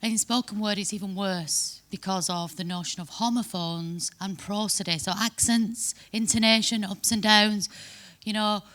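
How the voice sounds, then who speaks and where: A conference speaker from Manchester, England, gives a chatty talk in a hall with a Mancunian accent, often checking in with "yeah?" and restarting her sentences. Her voice is medium-pitched and fairly bright, with fairly even intonation at a moderate pace.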